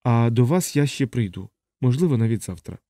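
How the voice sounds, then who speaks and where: A man voicing a shy, nervous young army chaplain who speaks in a halting, apologetic way. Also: mid-range voice, expressive, warm tone, dry recording, clean studio sound, lightly acted. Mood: timid.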